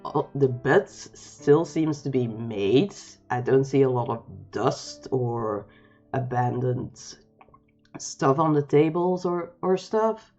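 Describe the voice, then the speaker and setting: Low-voiced, unhurried woman host. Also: expressive, mellow, lo-fi sound, soft background music. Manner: chatty, informal, with filler words. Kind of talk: casual reaction commentary.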